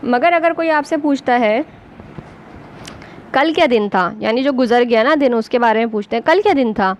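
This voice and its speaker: A woman with an Urdu accent teaches beginners a basic English lesson, speaking slowly and patiently and spelling words out one letter at a time. Her voice is a little high, and the recording's highs are cut off.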